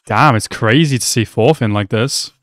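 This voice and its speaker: Wearing a headset in a small room at home, a young man gives casual reaction commentary on an anime episode. His mid-pitched voice comes across close, dry and a little bright with no echo, at a moderate pace. He's chatty, swears a lot and keeps calling the characters bro.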